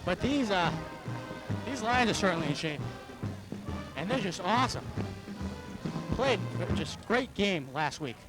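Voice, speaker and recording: A man announcing a high school football game from the press booth, chatty and upbeat, a little out of breath. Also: very animated, a little slow, pauses often, loud music behind the voice, poor audio. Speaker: play-by-play announcer. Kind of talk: local sports broadcast commentary.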